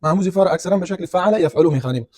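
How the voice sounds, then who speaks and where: A man's voice: sits high, darkish tone, dry recording. A male teacher, giving a grammar lecture. He works through each point step by step, often asking a question and answering it himself. The recording is close and dry, with no room sound. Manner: explains step by step, asks and answers his own questions.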